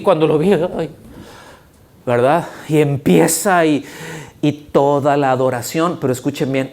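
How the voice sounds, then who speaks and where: Animated preacher, fairly high voice. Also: male voice. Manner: animated, conversational preaching with frequent rhetorical check-ins. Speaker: pastor. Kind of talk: sermon. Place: church sanctuary.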